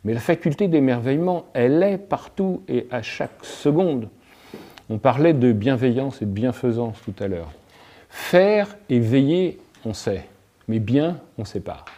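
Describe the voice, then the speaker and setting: A man with a warm, medium-pitched, animated voice speaks at a measured pace as an interview guest, an alchemist and author. In this reflective philosophical talk, he muses thoughtfully, illustrates points with everyday anecdotes and tags phrases with "hein".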